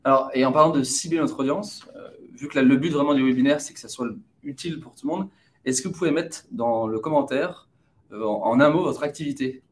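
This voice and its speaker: A man's voice: mid-range voice, fairly quick. A man hosting a live webinar, upbeat and joking as he puts questions to the experts. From France. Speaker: webinar host.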